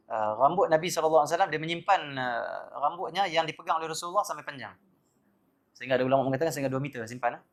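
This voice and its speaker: A man's voice: on the high side, fairly bright tone. A man giving a religious lecture, telling stories animatedly and breaking in with devotional exclamations. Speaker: religious teacher.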